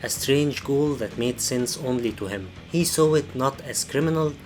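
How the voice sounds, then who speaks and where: A man reading scripted video essay narration in a serious, measured storytelling manner. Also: mid-range voice.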